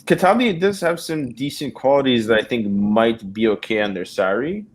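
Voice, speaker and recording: A man's voice: medium pitch, animated, moderate pace. A man on a podcast panel who talks hesitantly, restarting and stammering. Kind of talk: casual podcast chat.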